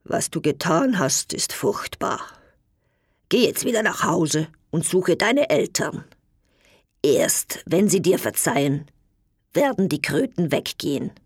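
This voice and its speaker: A woman voicing solemn old churchmen who speak gravely and sorrowfully. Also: fairly low pitch, lively intonation, unhurried, few pauses, a bit bright, dry recording, studio quality. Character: grave old churchmen, priest, bishop and pope.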